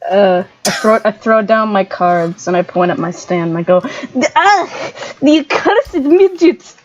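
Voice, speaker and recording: A woman's voice: lowish voice, fairly even intonation, moderate pace, highs cut off. A woman playing a tabletop game over voice chat, hesitant and stop-start as she describes her actions. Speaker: player. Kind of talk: casual tabletop role-play chat.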